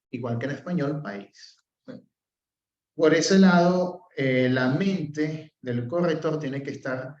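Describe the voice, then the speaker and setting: A man with a Venezuelan accent teaching an open class, explaining step by step, filling pauses with "eh" and checking in with "¿ok?". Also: medium pitch. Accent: Venezuelan Spanish. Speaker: professor. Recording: roomy, distant, dull sound.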